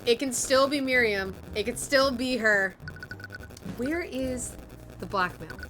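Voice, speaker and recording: A woman streams a game live and reads its lines aloud, thinking aloud in an animated way. She swears casually as she works through the case. Her voice sits fairly high, and faint music plays underneath. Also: takes it slowly.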